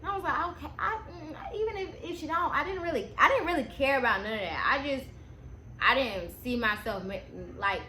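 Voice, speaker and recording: Young woman, high bright voice, rambling stoner storytelling, slangy casual chat, echoey room. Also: a little fast. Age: young adult. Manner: slangy, informal, animated asides. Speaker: storytime vlogger. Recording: echoey room with faint background noise.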